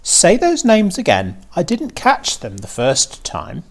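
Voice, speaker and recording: A man's voice: high voice, huge pitch swings, slow pace, slightly rough, pitched above the performer's own voice, heavily acted. A man voicing an eager, boastful young pig, cheerful and naive, in a children's storybook. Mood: curious. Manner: exclaiming, earnest.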